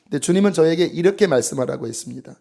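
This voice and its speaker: A male pastor giving an early-morning church sermon, telling stories with lively acted-out quotes and sometimes dropping to a near whisper. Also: fairly high pitch, very fast, gravelly. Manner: animated storytelling, acting out quoted voices, dropping to a hush. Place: church sanctuary.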